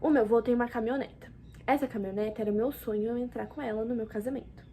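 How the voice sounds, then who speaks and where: A young woman from Brazil chatting casually to camera in a vlog, expressive and talkative, jumping between loud exclamations and soft asides. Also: a little high, fast, a little hiss or hum. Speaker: vlogger.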